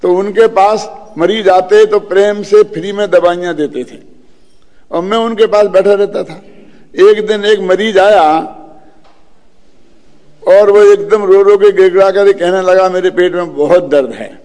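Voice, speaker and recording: An older Indian religious teacher gives a spiritual discourse, telling a true story and frequently asking whether his audience follows. His high-pitched voice is steady, unhurried and a little mellow, with long pauses and a long reverb tail.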